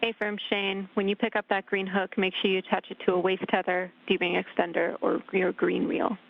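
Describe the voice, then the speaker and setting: Mission-control woman heard over a radio loop, calm and precise, gravelly edge, narrow tinny sound. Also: mid-range voice, normal speed. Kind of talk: radio procedure instructions.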